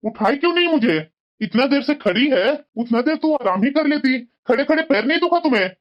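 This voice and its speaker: An elderly father-in-law from a cartoon, voiced by a woman in a high voice, teasing and doting on his wife. The sound is dull and lo-fi. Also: expressive, a little fast. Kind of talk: cartoon voice acting.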